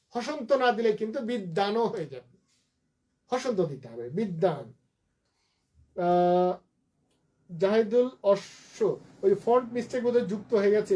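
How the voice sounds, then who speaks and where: A man teaching a live online class, patiently repeating each word slowly to drill its pronunciation. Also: sits high, mellow. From Bangladesh.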